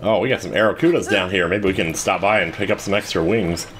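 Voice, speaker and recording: Man, low voice, casual gameplay commentary, wry, rambling, faint background noise. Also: steady tone, fast, fairly bright tone. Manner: rambling, wry, self-deprecating. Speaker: let's play host.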